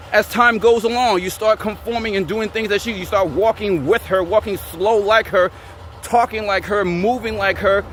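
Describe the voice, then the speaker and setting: A high-voiced male vlogger delivers a blunt, confrontational motivational rant, preachily hammering the same points again and again. A little hiss or hum runs under the audio.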